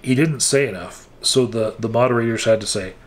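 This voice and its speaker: A man at an ordinary mid pitch delivers casual, frank commentary. His tone is wry, and he often pauses, hesitates and restarts mid-sentence as he thinks aloud. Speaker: political commentator.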